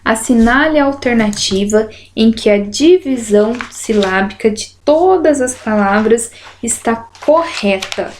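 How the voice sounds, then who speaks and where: Woman, teacher walking through exercises, slow careful delivery, stretched syllables, slightly high voice. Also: lively intonation, a little hiss or hum. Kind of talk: explanatory lesson, correcting exercises.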